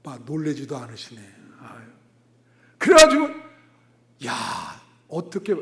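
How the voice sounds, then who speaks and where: Animated high-voiced pastor telling a story. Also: male voice. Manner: lively, animated storytelling with sudden loud bursts and asides to the congregation. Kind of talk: sermon with storytelling.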